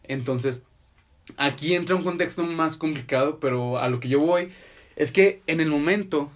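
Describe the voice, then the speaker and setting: A young man with a Mexican accent co-hosts a podcast, explaining things in casual chat full of slang and profanity. His voice sits a little high and moves at a normal speed.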